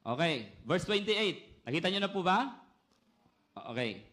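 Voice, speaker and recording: A middle-aged man preaching a sermon loudly and energetically, often calling out "Amen?" to the congregation. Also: high-pitched, unhurried. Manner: loud, energetic preaching with call-and-response "Amen?".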